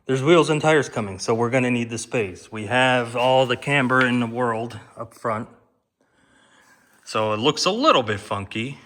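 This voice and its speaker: Relaxed man explaining a car job. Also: medium pitch, normal speed. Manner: relaxed, explaining step by step while working. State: out of breath. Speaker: car channel host. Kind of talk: casual how-to car vlog.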